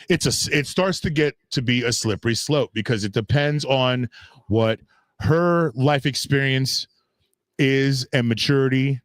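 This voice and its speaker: A man's voice: mid-range voice, no room sound, studio quality. A man in his fifties co-hosting a casual talk show, rambling with lots of fillers and restarts. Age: 50s. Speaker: podcast co-host. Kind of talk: casual chat.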